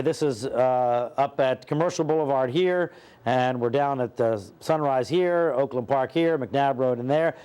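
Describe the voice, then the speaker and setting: A man working as a TV weather forecaster, ad-libbing live radar commentary with hesitant pauses as he reads the map. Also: mid-range voice, darkish tone, clear, resonant tone.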